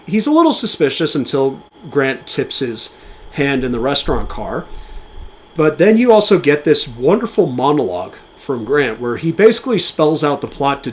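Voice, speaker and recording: Guy on a podcast rambling about movies, faint hiss behind him, gets going in fast bursts. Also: mid-range voice. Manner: enthusiastic, talks in quick bursts with fillers and restarts. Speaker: podcast co-host. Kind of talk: casual film commentary.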